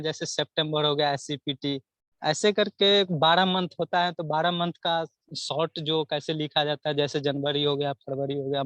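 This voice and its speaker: A man's voice: on the high side, fairly bright tone, no echo. A young man, giving earnest advice as a student guest in an interview, often repeating himself as he lists topics. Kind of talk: casual interview answers.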